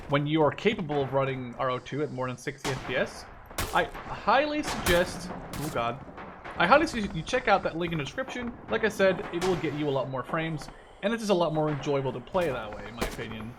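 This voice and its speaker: Loud artillery fire and gunshots from a shooter game fill the background as this gameplay creator from the Netherlands, a man in his twenties, gives loose, rambling commentary and keeps correcting himself while focused. He sounds very animated, on the high side, and fairly quick, with background noise throughout.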